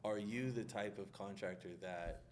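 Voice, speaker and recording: A man's voice: fairly low pitch, fairly even intonation, moderate pace, a little mellow, a little hiss or hum. A man who is a contractor, co-hosting a podcast in casual chat, talking in a loose, rambling way. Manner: loose, rambling, full of "like" fillers.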